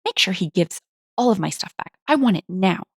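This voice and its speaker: A woman's voice: medium pitch, expressive, fairly quick, husky, dry recording, clean studio sound. A woman voicing an angry, entitled woman who shrilly accuses a stranger of theft in a storybook tale. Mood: accusing, shrill.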